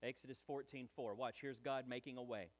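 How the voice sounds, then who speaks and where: A man preaching a sermon, animated and chatty, acting out the voices of people in the story. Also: mid-range voice, a little fast. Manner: animated, acts out quoted voices, chatty asides. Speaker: pastor.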